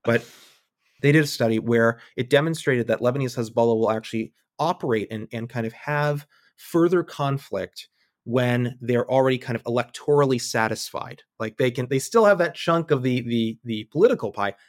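A man's voice: mid-range voice, normal speed, no echo. Dry-sounding man analyzing with wry asides. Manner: thinking aloud, wry asides and mock voices. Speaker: guest analyst on militia groups. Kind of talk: conversational podcast interview.

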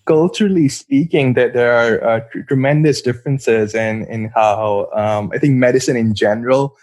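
A man's voice: medium pitch, normal speed, a little mellow, no room sound. Thoughtful man from Pakistan. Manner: thoughtful, many restarts and fillers. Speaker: psychiatrist guest. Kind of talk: conversational interview answers.

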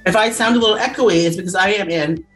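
A man's voice: high-pitched, a bit bright, faint music behind. A man co-hosting a podcast in casual chat, rambling and chatty, heard over echoey remote call audio from a small office conference room. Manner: rambling, chatty, quick talk with restarts. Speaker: podcast co-host.

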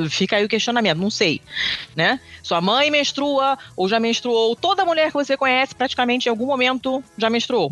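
Very high-pitched and a bit bright, this Brazilian podcast co-host chats casually and wanders all over the place. He restarts often, leans on fillers, and confesses he never manages to keep things short.

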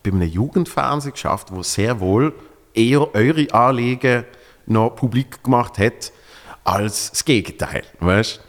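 A man's voice: mid-range voice, unhurried. A man in his thirties with a Swiss German accent, telling a story in casual chat with lots of restarts. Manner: rambling storyteller, many restarts and fillers. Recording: reverberant room.

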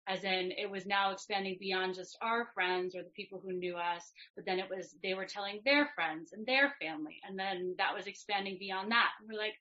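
A woman talking reflectively in a conversation, with thoughtful, measured phrasing. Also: medium pitch, bright, forceful tone, dull audio. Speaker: podcast guest and herbal business co-founder.

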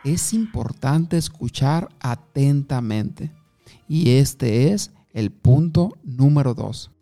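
A man's voice: mid-range voice, animated, slow pace, mellow, soft background music. A man giving an instructive talk on communication, asking the listener questions and telling short anecdotes. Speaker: communication coach.

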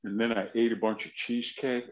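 A man's voice: on the low side, little pitch movement, brisk, highs cut off. A man chatting casually on a fitness talk show, telling jokey stories against himself. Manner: jokey, self-deprecating storyteller. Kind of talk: casual chat.

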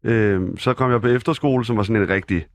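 A man in a casual podcast chat, a guest who talks in a laid-back, dryly humorous way. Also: on the low side.

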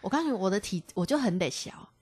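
A young woman with a Taiwanese Mandarin accent tells a story as a podcast co-host, animated and chatty. Her voice sits at an ordinary middle pitch, and she breaks off and restarts her sentences often. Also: quick pace, husky. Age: young adult. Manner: animated, laughing, many fillers and restarts. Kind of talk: casual storytelling chat.

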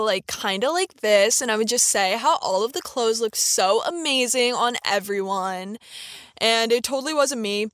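A woman's voice: medium pitch, fairly bright tone, no echo, clean studio sound. A teenage girl chatting casually and sarcastically, filling her talk with "like". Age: teens. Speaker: influencer. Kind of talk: casual chat.

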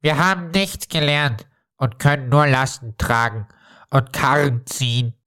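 A woman voicing a humble, sad male donkey, speaking low and soft. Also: a little slow. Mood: meek.

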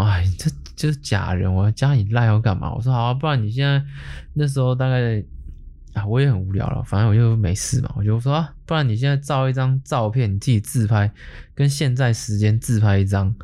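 The podcast host here has a warm, lowish voice and a Taiwanese Mandarin accent. He spins a laid-back, slangy story, peppering it with light cursing.

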